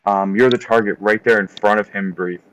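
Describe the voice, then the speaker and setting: A man with a fairly low voice narrates a tabletop fight as game master, lingering on gory blows and dice results. He talks in a measured, descriptive way and fills pauses with ums. A faint hiss sits under the voice. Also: fairly even intonation, fairly bright tone, poor audio. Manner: vivid, unhurried combat description with frequent ums.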